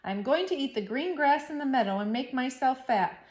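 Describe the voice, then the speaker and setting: Brief: big fearless goat , voiced by a woman, steady and calm, storybook. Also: sits high, fairly quick. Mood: confident. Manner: calm, unafraid. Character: big brave male billy goat. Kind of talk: storybook read-aloud.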